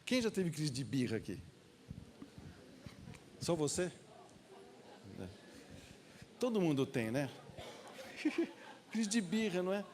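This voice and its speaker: Lively, joking man lecturing. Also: on the high side, a little slow, long pauses, a little hiss or hum. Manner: informal, joking, acts out little quoted dialogues. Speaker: lecturer at a spiritist center. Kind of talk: spiritist lecture to a live audience.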